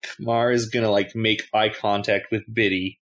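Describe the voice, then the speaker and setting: A man's voice: fairly low pitch, level tone, moderate pace, a bit bright, low-quality recording. A man playing a tabletop game, casually narrating what his character does and says. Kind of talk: casual role-play narration.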